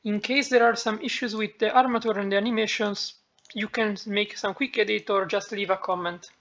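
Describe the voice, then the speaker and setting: A woman with a heavy Italian accent walking through a software tutorial, thinking aloud and correcting herself as she goes. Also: medium pitch, steady tone, brisk. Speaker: tutorial maker. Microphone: phone. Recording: dull lo-fi phone-mic recording.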